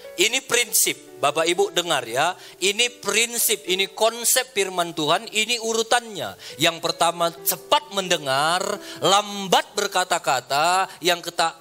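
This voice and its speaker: Bright, forceful male pastor in conversational sermon mode, faint music underneath. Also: sits high. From Indonesia. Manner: animated preaching, rising loud for emphasis; conversational, acts out quoted people.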